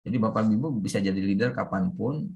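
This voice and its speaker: Forceful man lecturing, gravelly voice. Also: lowish voice, quick pace, dull audio. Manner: forceful, emphatic intonation; mixes English terms into talk. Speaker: civil service trainer. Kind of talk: webinar lecture. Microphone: online webinar audio.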